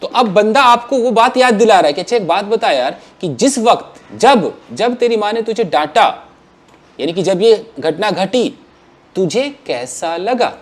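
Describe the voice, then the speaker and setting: A man teaching English grammar to a class, asking questions and answering them himself in an animated way. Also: sits high, a little slow.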